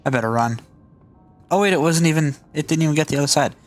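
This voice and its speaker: A man's voice: fairly high pitch, fast, soft background music. A man hosting a game video, explaining things casually as he plays. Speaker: gaming channel host.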